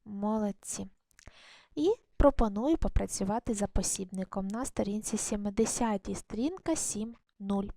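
A woman's voice: medium pitch, normal speed, creaky, warm tone, no room sound. A woman teacher giving a recorded video lesson, patiently guiding young pupils through handwriting step by step with frequent praise. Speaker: primary school teacher.

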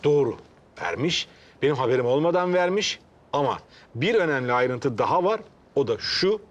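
A man's voice: medium pitch, big pitch swings, normal speed, natural voice. An actor playing a courteous, long-winded man in a comedy series who argues to get his jacket back in flowery, formal words. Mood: patiently formal. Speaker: sitcom character.

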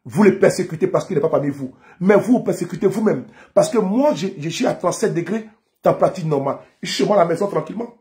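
A man's voice: fairly high pitch, fast talker, darkish tone. A man from Côte d'Ivoire, a political activist delivering a fiery, declamatory monologue from home and repeating phrases for emphasis.

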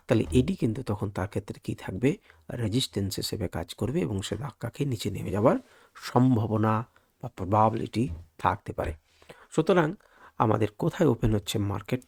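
A man explains market charts in a rapid, teacherly voice-over, posing questions and answering them. His voice is gravelly and husky. The sound is dry and close, with no room around it. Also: mid-range voice, darkish tone, no echo. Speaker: stock market analyst. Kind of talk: chart analysis lesson.

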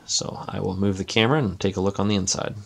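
Speaking from behind the camera in a low, gravelly voice, an adult parent shows off his Lego model in a casual show-and-tell, apparently at an indoor table. He's relaxed, listing things one by one and filling pauses with lots of "uh."

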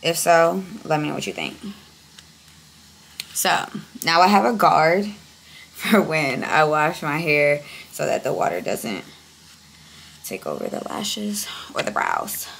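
Raspy, hoarse young woman vlogging. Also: low voice, expressive, slow pace, long pauses, a bit bright, slight background noise. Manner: sassy, playful, slangy. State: hoarse, clearing her throat. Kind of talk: casual vlog chat to camera.

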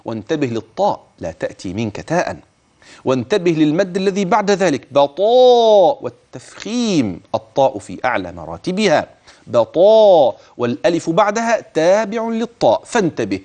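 A man teaching the rules of Quran recitation. He speaks straight to the listener, urges attention, and slowly stretches words to demonstrate how they should be pronounced. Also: on the high side, sing-song, darkish tone. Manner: addresses the listener directly, urging attention. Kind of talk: tajweed lesson with recited examples.

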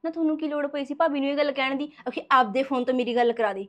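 A woman's voice: sits high, fairly even intonation, racing, close to an everyday voice. An actress playing a jealous, nagging young wife who scolds her husband, in a short drama. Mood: scolding. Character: sharp-tongued young wife, jealous of family.

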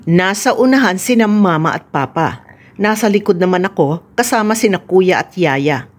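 A woman reading a children's picture book aloud in a gentle, expressive storytelling voice. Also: fairly low pitch, moderate pace. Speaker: storybook reader.

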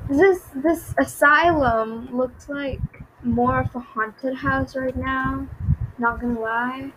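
A woman's voice: fairly high pitch, slight background noise, rough recording. A young woman giving nervous game commentary, repeating herself and reacting to jump scares. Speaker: gaming YouTuber.

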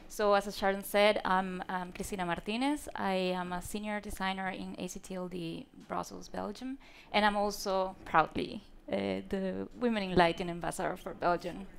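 A Venezuelan woman gives a conference presentation on lighting design from the stage of a lighting industry event, holding a handheld mic. She speaks hesitantly, full of fillers and restarts, in a medium-pitched, level, creaky voice at a moderate pace, with a little hiss or hum in the recording.

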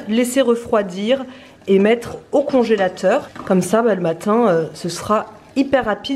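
A woman's voice: fairly high pitch, a little mellow. A woman in her thirties in her home kitchen, chatting casually as she shows a breakfast recipe step by step, with many fillers. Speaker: cooking vlogger. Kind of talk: casual cooking demonstration. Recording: echoey kitchen with faint noise.

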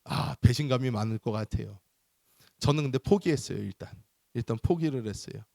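A middle-aged male pastor giving a sermon in an animated storytelling manner. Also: mid-range voice, brisk, gravelly, no room sound, studio quality. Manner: animated storytelling, acts out voices.

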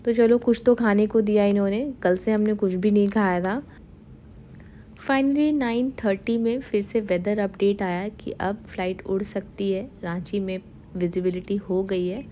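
A woman's voice: medium pitch, fairly even intonation, measured pace, mellow, a little hiss or hum. A young woman narrating her travel vlog in a chatty voice-over, often slipping English phrases into her talk. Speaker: travel vlogger.

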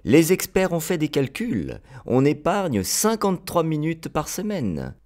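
Slick salesy merchant, bright and upbeat, voiced by a man, storybook reading. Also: on the high side, wildly swooping pitch, unhurried, voice pushed up.

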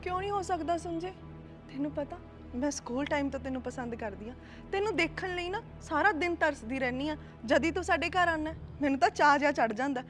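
A woman's voice: high-pitched, lively intonation, a little fast, over music. An actress playing a young village woman who pleads with the man she loves. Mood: pleading. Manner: pleading, emotional.

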